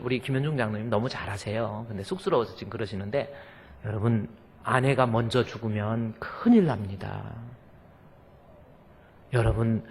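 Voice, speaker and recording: A man's voice: medium pitch, a little hiss or hum. A male pastor preaching a sermon in a church, folksy and joking with the congregation. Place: church sanctuary. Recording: long hall reverb.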